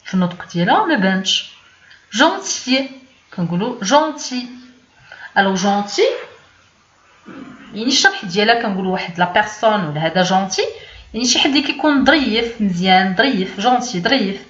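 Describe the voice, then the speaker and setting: A woman's voice: medium pitch, expressive, quick pace, long pauses, fairly bright tone. A woman with a Moroccan accent teaching a beginners' language lesson, explaining patiently and repeating words. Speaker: French teacher. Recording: echoey, dull lo-fi room sound.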